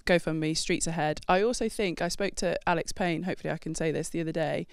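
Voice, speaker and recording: A woman in her thirties with a low, gravelly voice co-hosts a casual podcast chat show on a red studio set, talking quickly, teasing, and laughing often. She uses a handheld mic, and the tone is clean with no room sound.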